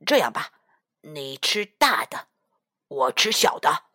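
A woman voicing a big bossy male tiger in a children's story, in a lowered, gruff voice that coaxes with hesitant fillers. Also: sing-song, slow, bright, forceful tone, heavily acted. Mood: coaxing.

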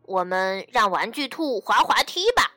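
A woman voicing a friendly young boy bunny, loud and upbeat, in a storybook. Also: medium pitch, big pitch swings, unhurried, dry recording, soft background music. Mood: cheerful.

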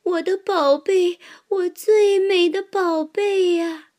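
A woman voicing a possessive little squirrel in a storybook, high and shrill. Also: fairly even intonation, takes it slowly, darkish tone. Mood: doting.

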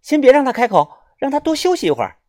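A man putting on a brisk young woman doctor. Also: high voice, huge pitch swings, darkish tone, dry recording, studio quality, pitched above the performer's own voice. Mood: instructive. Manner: urgent, commanding.

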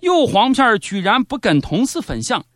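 A man's voice: very high-pitched, big pitch swings, moderate pace, fairly bright tone, no echo, clean studio sound. A man with a Shaanxi accent delivering comedic scripted news commentary as a host, in a sardonic, mock-serious manner. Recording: background music under the voice. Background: music.

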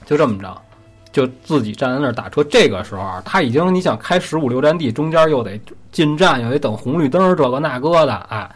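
A man's voice: medium pitch, expressive, quick pace, soft background music. A man telling a story in a chatty, conversational way, often asking the listener questions. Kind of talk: casual spoken storytelling.

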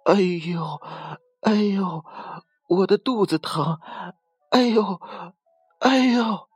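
Man doing a gentle mother rabbit. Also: high-pitched, big pitch swings, takes it slowly, breathy edge, dry recording, faint music behind, pitched above the performer's own voice, heavily acted. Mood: moaning. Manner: soft, musing, then moaning in feigned pain.

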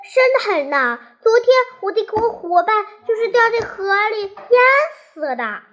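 A shrill little squirrel cries out its warnings in a high, hurried storybook voice, as a child storyteller puts it on. The pitch jumps well above the child's usual high voice. The bursts come loud and fast. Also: very animated, heavily acted. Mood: earnest.

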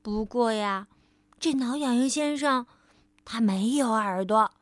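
A woman storyteller reading a picture book aloud to a child, gently addressing the listener as darling. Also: on the high side, takes it slowly, no room sound.

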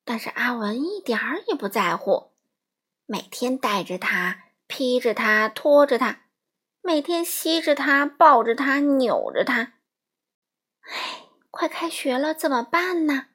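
A woman reading a picture book aloud to young children in a lively, coaxing storytelling manner. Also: high voice, breathy edge.

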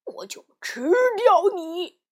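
A woman voicing a sly, hungry male wolf who pretends to be a mother goat, calling out loudly in a wheedling sing-song. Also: very high voice, very animated, slow, pitched above the performer's own voice, exaggerated voice. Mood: demanding. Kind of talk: children's story reading.

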